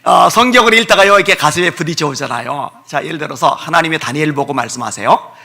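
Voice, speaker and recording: Gravelly, bright-voiced preaching man. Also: a little high, animated, fast talker. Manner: tells personal stories with emphatic repetition. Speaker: pastor. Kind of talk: revival meeting sermon. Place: church sanctuary.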